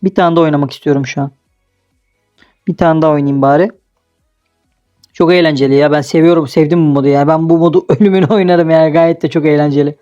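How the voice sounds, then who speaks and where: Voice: medium pitch, fairly even intonation, fast, pauses often, mellow, soft background music. Young adult, gameplay commentary, teasing, laughs a lot, slightly dull recording. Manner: chatty, teasing, laughs often. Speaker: gaming video host.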